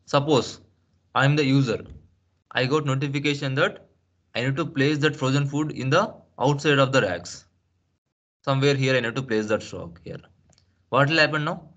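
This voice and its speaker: A man teaching a software lesson over a screen share, explaining step by step with rhetorical questions, fillers and restarts. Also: mid-range voice, normal speed, pauses often, highs cut off. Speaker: SAP trainer. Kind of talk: screen-share tutorial lecture.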